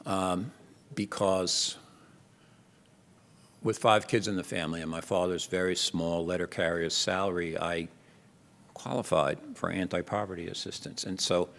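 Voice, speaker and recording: In a large lecture hall with long reverb, an older man from Jersey City, New Jersey, delivers a conference keynote in his local accent. He speaks animatedly and conversationally, restarting often. His voice sits low with a fairly bright tone.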